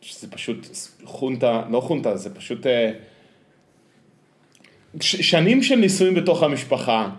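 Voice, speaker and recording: A man with an Israeli accent in casual conversation, halting and reflective as he searches for his words. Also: medium pitch, very animated. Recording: echoey, roomy sound.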